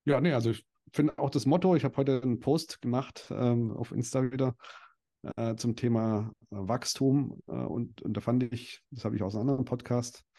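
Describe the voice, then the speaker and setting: A man's voice: medium pitch, moderate pace, warm tone. A young adult man, a podcast guest, talking casually with many fillers and restarts. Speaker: podcast guest, dental practice owner and event organizer. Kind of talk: casual interview chat.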